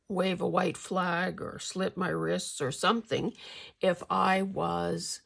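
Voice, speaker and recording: An older woman hosting a casual craft vlog, speaking haltingly with a husky, gravelly voice, slightly mouth-full as if sucking a candy. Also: lowish voice. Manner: halting, hesitant delivery with pauses. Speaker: craft channel host.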